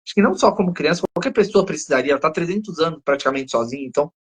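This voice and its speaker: Man, Brazilian Portuguese accent, podcast co-host, analytical, husky voice. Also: fairly high pitch, lively intonation, very fast. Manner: analytical, thinks aloud, restarts often. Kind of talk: casual discussion of a TV episode.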